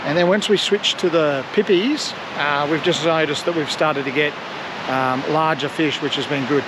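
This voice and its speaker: A man's voice: on the high side, moderate pace. A middle-aged man talking casually about fishing on an open beach, recorded on a handheld camera. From Australia. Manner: excited outdoor commentary, loose and chatty. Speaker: fishing vlogger. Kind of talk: casual running commentary. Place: open ocean beach outdoors. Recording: loud surf and wind noise. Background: crashing waves and wind.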